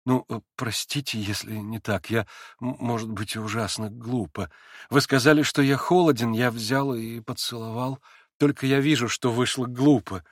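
A man reads a gentle young man who speaks softly and earnestly at an ordinary middle pitch. He sounds thoughtful and a little shy. The recording is dry and close. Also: fairly even intonation, moderate pace, no echo, natural voice. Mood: flustered. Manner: soft, thoughtful, a little bashful. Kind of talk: audiobook character reading.

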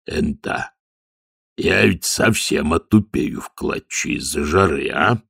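A man voicing a slow-witted, hulking male troll guard who speaks in halting phrases. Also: rumbling low, gravelly, fairly bright tone, slightly rough, no echo, studio quality, exaggerated voice. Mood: gloomy. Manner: slow halting speech with filler "энта".

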